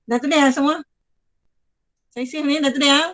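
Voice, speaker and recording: Malaysian lady teacher on a video call, kinda high voice, dry mic, keeps saying sorry and very good. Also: fairly even intonation, moderate pace, a bit bright, no room sound, rough recording. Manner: chatty, apologetic, praising students one by one. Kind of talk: online class with students.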